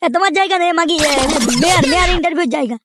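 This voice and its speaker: A woman voicing a hot-tempered, foul-mouthed young man in a cartoon comedy, crude, loud and mocking. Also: very high voice, very fast, background noise.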